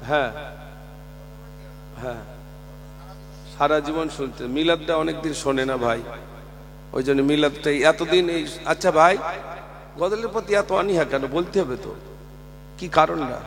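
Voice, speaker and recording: A man's voice: a little high, unhurried, pauses often, a bit bright. A man preaching a fiery sermon at a religious gathering, rising into sing-song chanting and calling out to the crowd. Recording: long reverb with faint mains hum.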